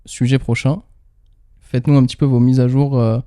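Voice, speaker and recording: A man's voice: medium pitch, flat delivery, brisk, mellow, clear, resonant tone, no room sound, studio quality. A man hosting a podcast, chatting casually and informally with short, direct phrases. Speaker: podcast host, athlete.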